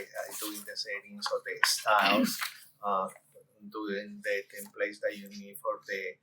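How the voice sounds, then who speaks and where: A Colombian designer in his forties presents a conference session, walking through software and hesitating often. His voice sits on the low side, and the recording is rough.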